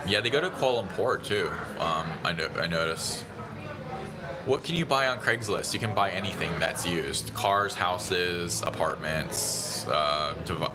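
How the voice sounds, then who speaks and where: A San Diego man in his thirties hosts a casual livestream on his phone from inside a busy restaurant, rambling easily and responding to viewer chat. His voice sits low, and the phone audio picks up the crowd chatter around him.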